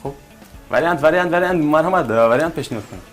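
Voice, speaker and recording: A man's voice: fairly high pitch, lively intonation, faint music behind. A man with a Tajik accent hosting a TV quiz, coaxing the contestants and repeating their answers back to them. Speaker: quiz show host.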